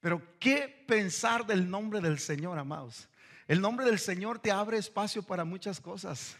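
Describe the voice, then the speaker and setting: A male pastor delivers a fervent sermon. His voice sits high and rings bright and forceful. He weaves in anecdotes and laughs now and then. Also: animated, unhurried.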